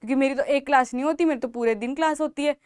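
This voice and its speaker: A young woman with an Indian accent lectures on biology in a high voice, recorded on a dry close mic. She talks emphatically, repeating key terms and pushing her students to work hard. It sounds like a classroom exam-prep lesson. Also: racing, no echo. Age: young adult. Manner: emphatic, repetitive, motivational, calls out loudly to students. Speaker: biology teacher. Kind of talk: exam-prep lecture in Hindi mixed with English.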